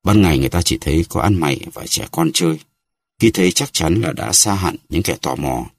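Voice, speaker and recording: Deep husky guy reading a novel out loud, dry close mic. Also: lively intonation, fairly quick, dry recording. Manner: dramatic reading, lifts pitch for women's lines. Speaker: audiobook narrator. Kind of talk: novel reading, voicing all characters.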